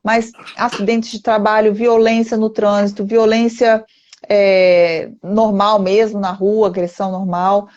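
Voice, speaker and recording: A woman's voice: medium pitch, little pitch movement, a little slow, darkish tone. Earnest Brazilian woman host, lo-fi sound. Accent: Brazilian Portuguese. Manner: earnest, emphatic, with frequent "né?" tags. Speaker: therapist hosting a live stream. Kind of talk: casual live-stream interview.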